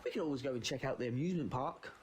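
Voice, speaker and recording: A man's voice: mid-range voice, rapid-fire, over music, lightly acted. A man playing a breezy, eccentric, chatty time-travelling adventurer in an audio drama, with an exuberant, theatrical manner. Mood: playful, teasing.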